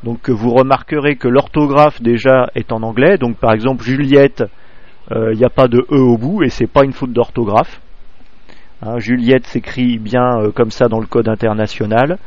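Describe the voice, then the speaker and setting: A man from France giving a spoken amateur radio lesson, halting, full of fillers and restarts, close to a clipping desk microphone. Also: medium pitch, steady tone, a little mellow, no echo, highs cut off.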